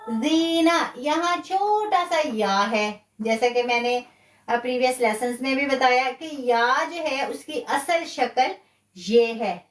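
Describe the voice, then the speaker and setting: Woman teacher, high voice, slow and patient, echoey room away from the mic. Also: far from the mic. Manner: slow, patient explaining with repetition. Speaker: Quran tajweed teacher. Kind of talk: live online lesson.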